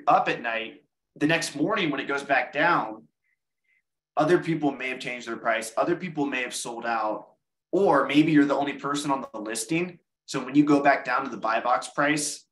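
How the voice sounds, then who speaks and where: A man's voice: medium pitch, fairly bright tone, low-quality recording. Casual man teaching a live webinar. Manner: casual, repeats words while explaining. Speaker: online seller giving a webinar.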